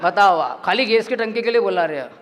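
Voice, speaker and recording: Very high-pitched man telling jokes on stage. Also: expressive, fast, crowd noise. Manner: chatty storytelling, acts out quoted voices, laughs often. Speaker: stand-up comedic poet. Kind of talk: humorous poetry-stage banter. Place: live poetry gathering on stage. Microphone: stage microphone.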